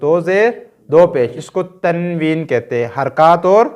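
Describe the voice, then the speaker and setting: A man's voice: a little high, animated, slow pace, a little mellow, clear, resonant tone, highs cut off. A man with a Pakistani Urdu accent teaching Quran reading in a recorded lesson, patiently drilling short sounds one by one and checking that learners follow.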